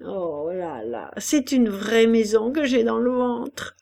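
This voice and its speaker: A woman reading aloud and voicing a poor, bedridden old woman who flatters and prays without pause, in a storybook reading. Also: fairly high pitch, gravelly, exaggerated voice. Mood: wheedling. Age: older. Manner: fawning, pious, chattering.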